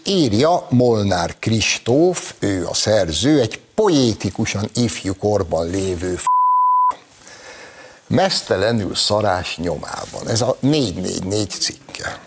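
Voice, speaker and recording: A man's voice: on the low side, animated, few pauses, darkish tone, slight background noise. A man hosting a talk show, delivering an opinionated commentary monologue in a sarcastic, mocking tone and addressing his listeners familiarly.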